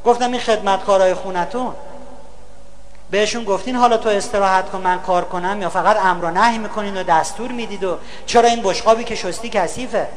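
A man's voice: sits high, fairly even intonation. A man giving a humorous lecture on values, telling stories and mimicking other people for laughs. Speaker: public speaker.

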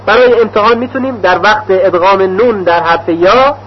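A man teaching Quran recitation rules, explaining slowly and carefully and sounding out example syllables in a deliberate, drawn-out way. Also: high voice. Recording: dull lo-fi recording with faint hum.

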